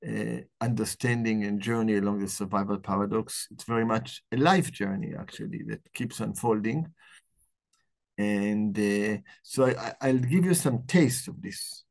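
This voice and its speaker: A man hosting a live book club, talking about the book and then slowly leading a guided meditation in a soft, calm voice. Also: on the low side, vocal fry. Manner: slow, soft-spoken guiding voice. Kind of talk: live talk.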